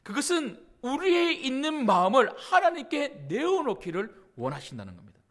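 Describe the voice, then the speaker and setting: A man's voice: very high-pitched, huge pitch swings, normal speed, fairly bright tone. A man pastor preaching a sermon emphatically, stacking repeated phrases and rising to outbursts. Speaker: senior pastor.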